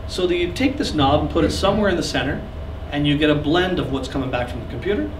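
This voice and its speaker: A man in his thirties leads a live recording clinic in a small classroom with a seated audience, explaining gear, gesturing, and chatting and joking with listeners. His voice is on the high side and his pace quick. A camera at the back of the room captures him distant, echoey, and noisy.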